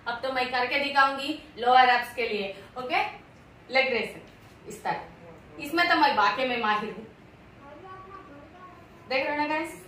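A cheerful woman in her thirties walks viewers through machine exercises, her voice pitched high. The camera sits a few steps away in a bare, very echoey small room, so she sounds distant and boomy. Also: a little slow, long pauses, sharp tone, slight background noise. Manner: chatty, addresses viewers directly, upbeat. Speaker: fitness vlogger. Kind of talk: casual workout demonstration. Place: small home gym room, indoors.

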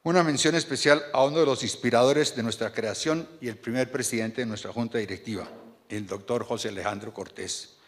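A man, reading a measured and earnest formal speech from notes at a podium microphone in a large banquet hall. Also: mid-range voice. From Colombia. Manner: measured and earnest, reads from paper with small restarts. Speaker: board chairman giving a speech. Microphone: podium microphone on a stand.

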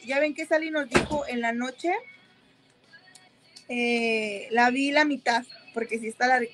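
A woman's voice: a little high, a bit bright, low-quality recording. A woman with a Mexican accent who chats casually while applying makeup, giggling and leaning on fillers as she talks. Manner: chatty, giggly, full of o sea fillers. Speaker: makeup seller and host.

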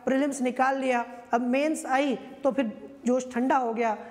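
A woman with a high-pitched voice gives an exam-prep history lecture. She explains in a conversational way and keeps checking in with her listeners. Her voice carries a long, ringing reverb. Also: steady tone, normal speed, a little mellow. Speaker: history teacher.

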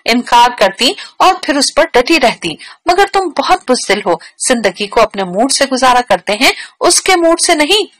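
A woman's voice: sits high, very animated, moderate pace, hardly any pauses, fairly bright tone, exaggerated voice, rough recording. A woman reading a teasing carefree young man. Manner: playful, teasing.

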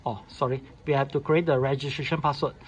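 A fast-talking man with a medium-pitched voice and fairly even intonation hosts an unscripted tutorial on setting up a device. He goes step by step in an informal way, using repetitive, clipped, non-standard English. The recording, made in a room, is clearly noisy.

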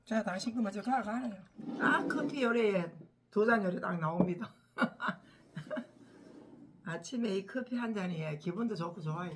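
A woman's voice: medium pitch, animated, a little slow, very noisy. Chatty older woman with a Gyeongsang accent. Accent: Gyeongsang Korean. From Gyeongsang region, Korea. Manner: chatty, teasing, laughs often, drops to soft murmurs. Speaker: vlogger, home caregiver. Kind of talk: casual morning chat to camera. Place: home, at the table with coffee.

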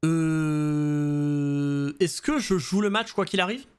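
A young male streamer talks over his game in a fairly high voice, jumping between excited outbursts and joking asides. He swears casually and often stops mid-sentence to fill the gap. The sound comes from a desk microphone at home. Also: takes it slowly, clean tone. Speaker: gaming streamer. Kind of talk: casual live gameplay commentary.

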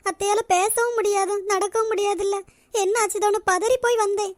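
A woman voicing a gentle, apologetic young college woman in a cartoon, with a Nagercoil Tamil accent. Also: extremely high pitch, fairly even intonation, fairly quick, background noise. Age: young adult. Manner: soft, apologetic, pleading. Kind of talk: cartoon voice acting.

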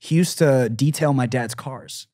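Casting: late-20s man from California, laid-back podcast host, cursing and telling animated stories, close dry mic. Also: mid-range voice, unhurried, dry recording. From Riverside, California. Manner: swears freely, animated storytelling with quoted voices. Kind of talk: casual chat. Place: dim studio with neon sign. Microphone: boom mic, headphones. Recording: dry close studio sound.

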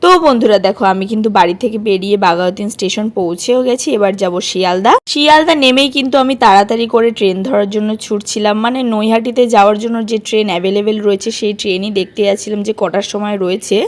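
Quick, chatty woman vlogger. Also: mid-range voice. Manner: chatty, addresses viewers directly as guys. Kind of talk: casual vlog talk to viewers. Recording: noisy background ambience.

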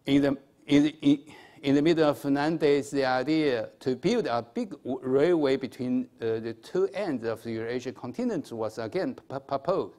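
A man in his sixties with a Chinese accent, giving a formal lecture at a podium in a halting, hesitant manner with repeated words. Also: mid-range voice, warm tone. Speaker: academic conference speaker. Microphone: podium microphone.

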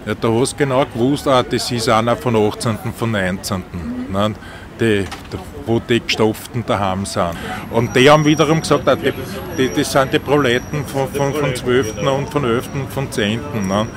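A man's voice: mid-range voice, normal speed, a crowd in the background. An older man with a Viennese German dialect, reminiscing casually in a rambling, colloquial way with frequent tag questions. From Vienna, Austria. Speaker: taxi driver. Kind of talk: casual reminiscing about dialect and city life. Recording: clear vehicle and street noise.

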